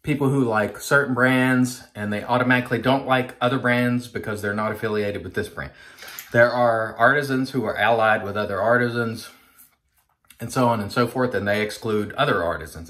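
In a small bathroom at home, a shaving-channel host in his forties lathers and shaves while talking earnestly and casually to the camera. He's chatty, calls viewers folks, and speaks at normal speed with a medium-pitched, fairly bright voice.

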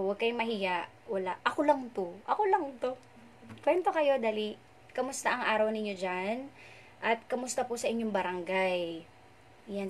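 A woman's voice: medium pitch, slight background noise. A young woman hosts a casual live stream from home, chatting playfully and reading out viewers' names and greetings. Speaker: radio host doing a live stream.

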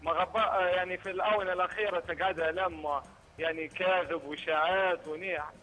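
A young Libyan man calls in to a morning show by phone. His voice is high for a man, and he keeps stopping to search for words. Faint music plays under the call. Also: fairly even intonation, fast talker, pushed and bright, low-quality recording. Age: young adult. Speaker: phone-in guest, media student. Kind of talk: phone interview.

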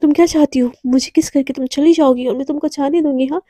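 A woman's voice: sits high, steady tone, quick pace, warm tone, no echo, studio quality, lightly acted. A woman voicing a tough, jealous young woman. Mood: intense. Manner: accusing, cold, intense.

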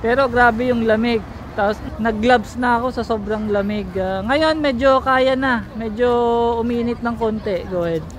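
A man's voice: extremely high pitch, moderate pace. A Filipino man chatting casually into a walkie-talkie as he makes a radio check, friendly and full of radio jargon. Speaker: host making a radio range test. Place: outdoors in South Korea, near trees. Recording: noisy outdoor recording with traffic ambience.

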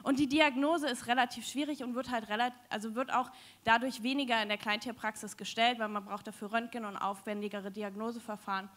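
High-voiced young woman on stage. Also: fairly even intonation, a little fast, fairly bright tone. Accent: German. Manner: chatty, joking, many fillers. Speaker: science slam speaker. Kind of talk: live stage science talk. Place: large dim hall with audience. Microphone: handheld mic.

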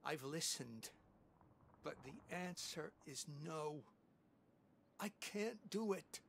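An actor playing a wary, guarded man in a video game, measured and firm. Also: fairly high pitch, lively intonation, creaky, a bit bright, slight background noise, heavily acted. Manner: slow, measured, refusing. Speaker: game character.

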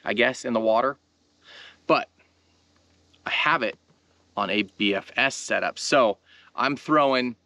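The host of a fishing tutorial channel speaks to viewers in a medium-pitched, sharp voice, with no echo in the recording. He explains gear and technique informally, as a casual hands-on demonstration.

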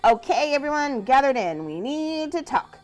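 A woman doing Itzy, a squeaky eager boy mouse. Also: very animated, normal speed, soft background music. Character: eager little boy mouse, hopeful and excitable.

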